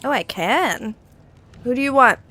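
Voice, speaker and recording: A woman's voice: fairly high pitch, expressive, unhurried, noisy background. A young woman streaming a game, chatting casually and rambling, swearing now and then, into a cheap desk mic. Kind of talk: casual gaming stream chat. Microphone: cheap desk mic on an arm.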